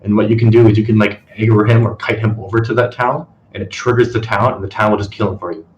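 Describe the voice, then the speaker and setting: Fast-talking man in an echoey room. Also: lowish voice, steady tone, highs cut off. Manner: rambling, says "like" a lot. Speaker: game review panelist. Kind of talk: casual panel discussion.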